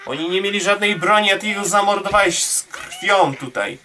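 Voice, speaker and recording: A man's voice: high voice, moderate pace, pushed and bright, far from the mic, a little hiss or hum. A man giving playful, jokey commentary on a game he is playing, swearing and teasing the enemies on screen. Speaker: gameplay commentator. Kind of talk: let's play commentary.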